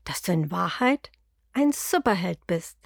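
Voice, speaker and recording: Woman voicing a gentle old grandfather. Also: on the low side, very animated, unhurried, vocal fry, no room sound, studio quality, heavily acted. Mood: reassuring. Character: loving, patient old grandfather. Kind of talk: storybook character voice.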